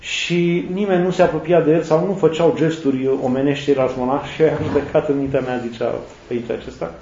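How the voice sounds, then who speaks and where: A priest giving a sermon, slow and reflective, listing words one by one. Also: male voice, a little high, fairly even intonation, darkish tone. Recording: echoey, dull lo-fi sound.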